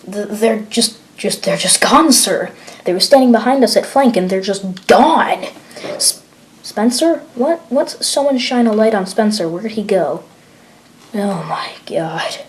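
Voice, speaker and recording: A woman voicing a nervous male soldier who reports to base in shaken, hurried radio calls, in an amateur read-aloud of a horror log. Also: medium pitch, expressive, a little hiss or hum, lightly acted. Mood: panicked.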